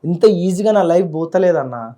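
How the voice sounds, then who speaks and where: A man's voice: sits high, expressive, normal speed, dark tone. A young man speaks. As the guest of an interview, he talks with heartfelt feeling and often repeats his words. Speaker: student leader guest. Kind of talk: emotional interview.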